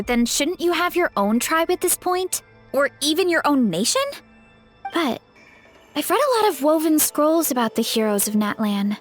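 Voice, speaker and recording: A woman voices an earnest, thoughtful young female adventurer in a video game, reasoning things through with gentle skepticism. Her voice sits high.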